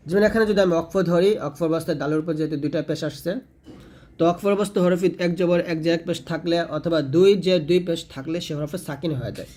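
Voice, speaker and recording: A man's voice: fairly high pitch, darkish tone. A man teaching Quran reading rules in a patient tutorial, repeating points and demonstrating recitation. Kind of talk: explanatory tutorial lesson.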